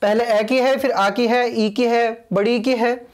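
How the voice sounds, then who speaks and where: A man's voice: extremely high pitch, steady tone, measured pace. A man teaching a video lesson, explaining patiently and repeating himself, spelling names out letter by letter.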